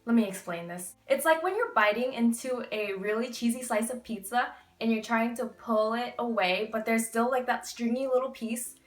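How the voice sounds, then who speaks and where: Echoey, higher-pitched young woman chatting. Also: normal speed, few pauses. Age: 20s. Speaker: vlogger giving recovery advice. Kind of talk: casual explanatory chat to camera. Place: small bedroom, indoors. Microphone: camera a few feet away. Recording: echoey room, distant microphone.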